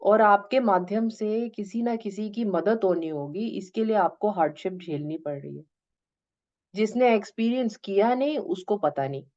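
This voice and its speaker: Woman spiritual teacher, warm and gentle, talks patiently to students; muffled lo-fi sound. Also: mid-range voice, normal speed. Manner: gentle, coaxing, addresses listeners as "beta"; mixes English phrases into talk. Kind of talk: devotional discourse to students.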